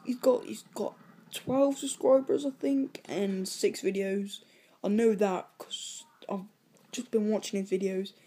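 A female vlogger talks into her phone camera in a mellow, soft-edged voice of medium pitch with a slight roughness. She wanders from topic to topic, cuts herself off mid-sentence, and apologizes often. The phone footage feels homemade and offhand.

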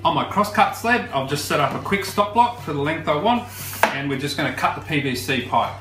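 A man, a woodworking host who explains a project in a relaxed, chatty way with fillers. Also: a little high, fairly quick. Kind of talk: casual how-to narration. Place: large home workshop, indoors. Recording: roomy workshop sound, mic at a distance, music under the voice. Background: background guitar music.

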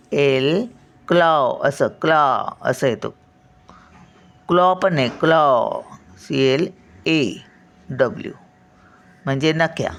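An older woman with a low-sitting voice teaches a spelling lesson, sounding words out syllable by syllable. She explains patiently and checks that the listener is following along.

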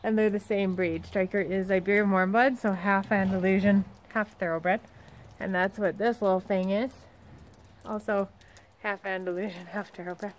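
This horse trainer and vlogger, a young woman in her twenties, speaks at a medium pitch and moderate pace with fairly even intonation. She chats casually to her arm's-length phone camera at an outdoor barn and paddock, with voice-over and fond asides to her horses, and slight background noise.

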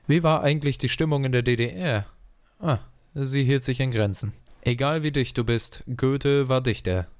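A man reading a string of one-liner jokes in a deadpan question-and-punchline rhythm, slowing down for each punchline. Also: mid-range voice, no echo. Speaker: joke teller.

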